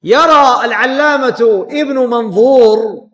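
Man teaching hadith in a high voice, repeats words, quizzes the class. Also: slow, fairly bright tone. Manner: repeats key words and quizzes students with "what?". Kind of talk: Islamic lesson explaining a hadith.

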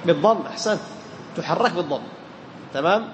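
A man teaching the rules of Quran recitation to a class, quizzing his students and repeating key terms, chanting the verse examples slowly. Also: a little high, expressive, big-room sound, a little hiss or hum.

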